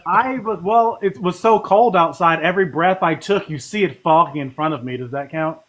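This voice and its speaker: A man talks loosely on a podcast, his voice sitting a little higher than most men's. He rambles, pauses on fillers and pokes fun at himself in an easygoing chat. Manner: rambling, self-deprecating, halting with fillers. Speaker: podcast co-host. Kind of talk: casual chat.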